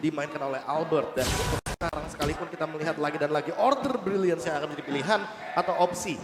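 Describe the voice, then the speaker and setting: A man's voice: fairly high pitch, quick pace. A man with an Indonesian accent giving analytical esports commentary. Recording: echoey, loud music behind. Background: loud music.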